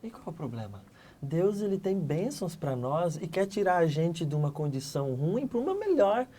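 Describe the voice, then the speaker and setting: This middle-aged Brazilian man from Santa Catarina is a guest in an interview, recounting something that happened to him with lively energy. He voices the dialogue himself, moving from loud to hushed, at a moderate pace in a somewhat high voice, with a little hiss or hum present.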